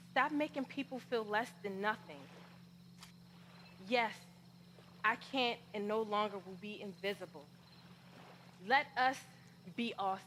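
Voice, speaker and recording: A woman performs a dramatic spoken monologue in stage style, playing a hurt but defiant woman who feels unseen. Her slightly high, somewhat bright voice moves very slowly, with deliberate emphasis and pleading pauses. Faint outdoor noise can be heard behind her.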